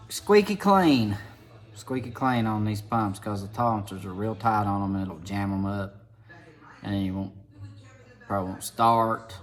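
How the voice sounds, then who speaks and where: A man with an Appalachian hillbilly accent talks in a folksy, rambling way, like a mechanic giving a casual hands-on video tutorial. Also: on the low side.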